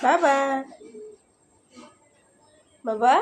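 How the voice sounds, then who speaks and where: Hoarse mom vlogging at home, high sing-songy voice coaxing her little kid. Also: extremely slow, slight background noise, rough recording. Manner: coaxing, sing-song talk to a toddler. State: hoarse from a cold. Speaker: mother filming her child. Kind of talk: casual home vlog. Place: indoors at home.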